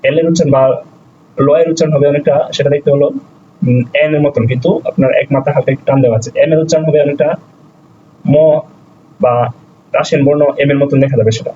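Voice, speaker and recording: Man teaching slowly, flat and mellow. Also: fairly high pitch, muffled recording, a little hiss or hum. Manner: slow, repeats sounds several times. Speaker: language teacher. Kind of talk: step-by-step language lesson.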